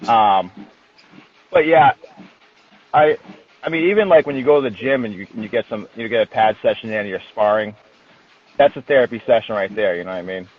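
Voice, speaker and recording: A dog trainer appears as a guest in a casual interview, coming through a thin, phone-like line. His voice is fairly low and he talks fairly quickly, pausing often. He's candid and colloquial, letting the odd swear word slip.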